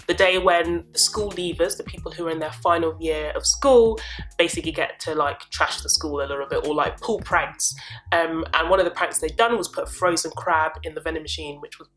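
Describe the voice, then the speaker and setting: A woman's voice: lowish voice, fairly bright tone. Chatty young woman vlogger. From born in Uganda, grew up in South East London. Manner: chatty, rambling, with frequent ums and laughs. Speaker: property investor and vlogger. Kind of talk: casual get-to-know-me vlog.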